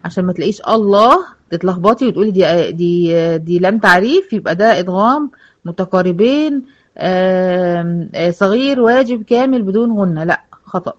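A woman's voice: mid-range voice, a little fast. An Egyptian woman gives a tajweed lesson to her female students. She speaks patiently, poses questions and then answers them herself. The recording sounds muffled and lo-fi. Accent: Egyptian Arabic. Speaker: Quran recitation teacher.

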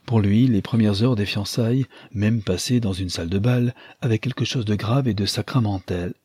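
A man narrates a classic novel in a measured, literary way. His voice is low and mellow with a husky edge. The recording is close and completely dry, with no room sound. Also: dry recording. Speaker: audiobook narrator.

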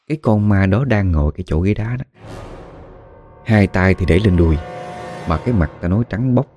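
A man's voice: low-pitched, lively intonation, brisk, darkish tone, soft background music. A man narrating a ghost story in a colloquial way, with dramatic exclamations.

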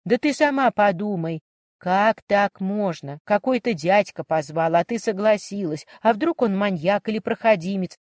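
A woman's voice: mid-range voice, normal speed, darkish tone, dry recording, clean studio sound, close to an everyday voice. A woman voicing a fretful, pleading young woman. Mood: alarmed. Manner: pleading, fussing. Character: worried, emotional young woman, older sister figure.

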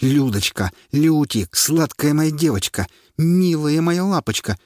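A man's voice: a little high, lively intonation, measured pace, darkish tone, no echo, clean studio sound, voice pushed up. Man doing a strained, volatile young husband. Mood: yelling. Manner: strained, hoarse and threatening.

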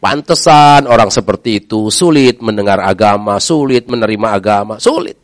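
A middle-aged man, a preacher telling his own story in a lively way and acting out the voices of the people in it. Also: on the low side, moderate pace, no room sound, clean studio sound. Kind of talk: lively testimony talk.

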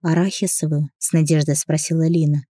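A woman's voice: low voice, steady tone, a little fast, dark tone, no echo, studio quality. A woman reading a first-person audiobook, telling a man's story and lightly voicing its characters. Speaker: audiobook narrator.

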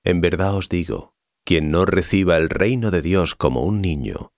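A man voicing Jesus as a calm, solemn teacher, measured in delivery, in an audiobook reading. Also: sits low, vocal fry, no echo, clean studio sound.

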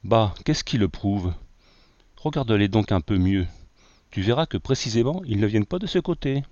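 A man's voice: lowish voice, lively intonation, moderate pace, darkish tone, no room sound, close to an everyday voice. A man voicing a boastful male artist who brushes off danger with joking nonchalance. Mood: dismissive. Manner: swaggering, jokey nonchalance. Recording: dull lo-fi, dry.

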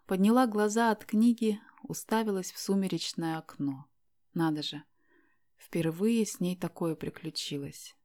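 A woman narrates a novel in a calm, even audiobook reading. Her voice sits at an ordinary middle pitch, steady and unhurried.

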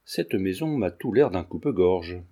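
A man's voice: sits low, lively intonation, a little slow, dark tone, voice pushed down, exaggerated voice. A man doing a grumbling young dandy. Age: young adult. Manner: grumbling, muttering. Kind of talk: audiobook character reading.

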